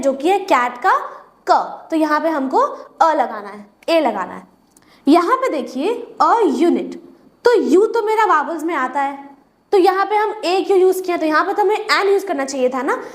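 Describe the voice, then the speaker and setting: A woman whose first language is Hindi, teaching English grammar step by step and asking and answering her own questions. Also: extremely high pitch. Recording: echoey room.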